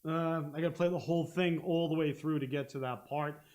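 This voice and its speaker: A guitar teacher with a fairly high, steady voice leads a live-streamed lesson at a fairly quick pace, patiently breaking each part down and often checking in with "okay?" while humming the rhythms. Loud guitar playing and a looper run behind his voice.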